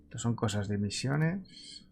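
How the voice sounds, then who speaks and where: A man's voice: medium pitch, lively intonation, a little slow, vocal fry, a little mellow, slight background noise. A man casually commenting as he plays a video game, musing aloud to himself. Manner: musing aloud, chatty asides. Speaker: let's play host.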